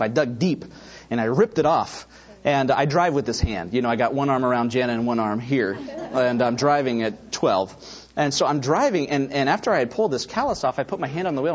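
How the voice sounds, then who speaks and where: A middle-aged pastor with a medium-pitched, breathy-edged voice preaches through dull audio. His sermon features personal stories told animatedly, punctuated by asides to the congregation.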